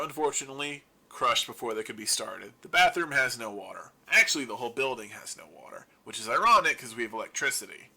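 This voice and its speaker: In an audio drama, a man plays a wry zombie-apocalypse survivor rambling to his listeners in a casual, sarcastic, self-deprecating radio monologue. His voice is medium in pitch, bright and forceful.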